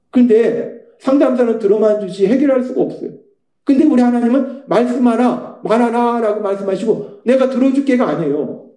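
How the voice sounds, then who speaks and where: A man delivers an earnest Sunday sermon in a high, mellow voice. He repeats phrases in a steady preaching cadence. The sound rings in a roomy church sanctuary. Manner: earnest, repetitive preaching cadence, voicing heartfelt prayers. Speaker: pastor. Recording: echoey church room.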